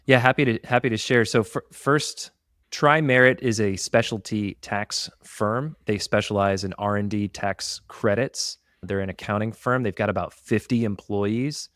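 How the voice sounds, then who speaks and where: A man co-hosting a business podcast, explaining marketing examples in a steady, detailed, casual way. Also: lowish voice, normal speed, no room sound, clean studio sound. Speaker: podcast co-host.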